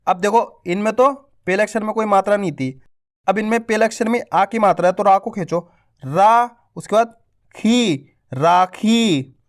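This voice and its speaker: A man's voice: high-pitched, steady tone, a little fast. A man teaching reading, saying each syllable and then blending the syllables into whole words. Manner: stretches long vowels to teach them. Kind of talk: slow word-by-word reading lesson.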